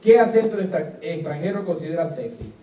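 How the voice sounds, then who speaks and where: A man's voice: on the high side, big pitch swings, fairly quick, slight background noise. A man with a Salvadoran accent hosting a quiz show, teasing the contestants and laughing often. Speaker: game show host. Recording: echoey, distant mic, loud crowd.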